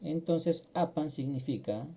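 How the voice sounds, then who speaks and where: A man's voice: a little high, animated, measured pace, mellow. Patient man teaching grammar. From Mexico. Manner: patient, explaining step by step with fillers. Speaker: language teacher. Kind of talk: online grammar lesson.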